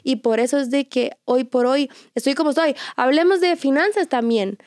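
A woman talks in a high, bright register. She speaks earnestly about faith and often doubles back on phrases for emphasis. The recording is dry and close to the mic. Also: normal speed, no echo. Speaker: mother.

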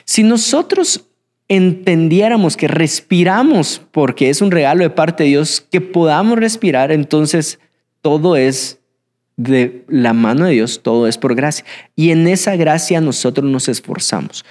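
A young man preaching a sermon, swinging between excited bursts and hushed, reflective passages. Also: on the high side, a little slow. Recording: hall with long reverb.

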